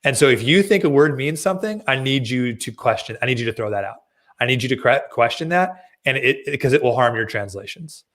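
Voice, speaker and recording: A man of middle pitch co-hosts a casual discussion. He presses his points emphatically and often stumbles into restarts. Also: expressive, fairly quick, a bit bright. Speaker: podcast co-host.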